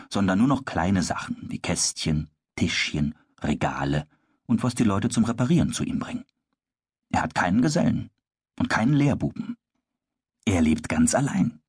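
A man narrating a children's story in a calm, measured storytelling manner. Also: sits low, breathy edge, no echo, clean studio sound.

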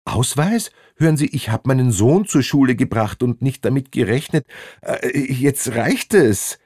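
A man's voice: medium pitch, expressive, measured pace, darkish tone, no echo, clean studio sound, voice pushed up. A man voicing a nervous father caught without a ticket, who stammers and bluffs indignantly. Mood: bluffing.

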